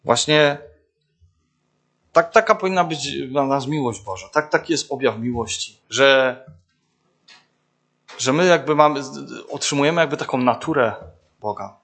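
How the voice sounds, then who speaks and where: Young male preacher, slightly high voice, casual halting sermon full of fillers. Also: a bit bright. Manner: hesitant, many fillers and restarts, addresses listeners directly. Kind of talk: informal sermon.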